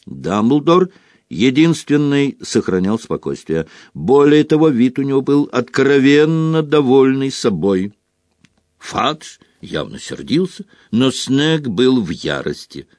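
A man narrating an audiobook with an expressive reading. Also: medium pitch, slow, no room sound, studio quality. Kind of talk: scripted narration.

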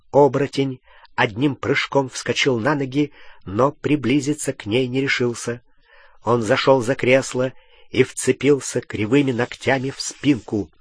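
A man reading an audiobook as narrator, in a measured, expressive manner. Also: medium pitch, breathy edge, no echo. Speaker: audiobook reader. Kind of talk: scripted narration.

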